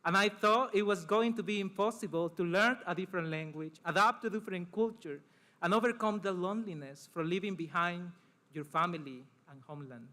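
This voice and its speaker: A bright-voiced young man from El Salvador, whose first language is Spanish, delivers a formal prepared commencement speech as a student. His voice sits high, and he speaks earnestly and measuredly in short phrases broken by pauses.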